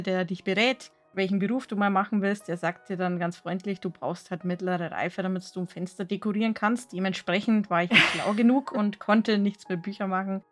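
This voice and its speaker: A woman from Bavaria with a light Bavarian accent, co-hosting a casual podcast chat and poking fun at herself. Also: mid-range voice. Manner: self-mocking, laughs at herself. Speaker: podcast co-host.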